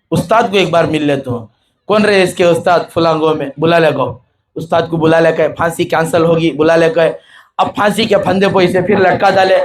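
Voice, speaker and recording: A preacher telling a folk tale in a sermon, animatedly acting out the characters' lines. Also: male voice, sits high. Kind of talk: storytelling sermon.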